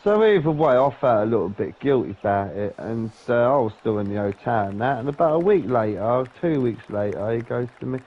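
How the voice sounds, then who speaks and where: A man rambles through a long anecdote in casual chat, dropping swear words and tagging lines with "yeah?". His voice sits at a middle pitch. The recording sounds dull and lo-fi. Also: expressive, fairly quick, few pauses. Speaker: podcast co-host.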